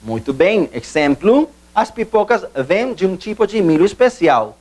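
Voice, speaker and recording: A man giving a video language lesson, explaining slowly, repeating himself, and stressing key points. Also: high-pitched, sing-song, a little mellow. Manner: slow, repetitive, emphatic teacher's explanations. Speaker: Portuguese teacher.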